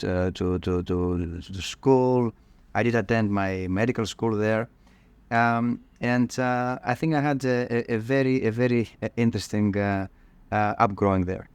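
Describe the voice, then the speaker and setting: Halting Greek-accented man, smooth voice. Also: lowish voice, no room sound. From Greece. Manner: halting, many fillers and restarts. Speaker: cardiologist guest. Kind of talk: podcast interview.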